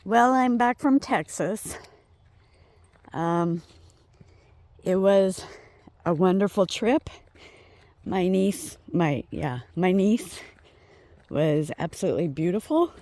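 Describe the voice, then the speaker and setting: A woman's voice: lowish voice, lively intonation, slow pace, pauses often, darkish tone, no room sound. A woman vlogging while out walking her dogs, slightly out of breath, telling a rambling, chatty story. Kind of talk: casual walking vlog. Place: outdoors on a walk with dogs.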